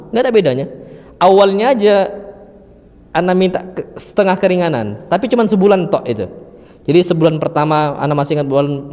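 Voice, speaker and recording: Male preacher, high voice, lively anecdotes, reverberant mosque recording. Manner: animated storytelling with Arabic phrases. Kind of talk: religious study talk.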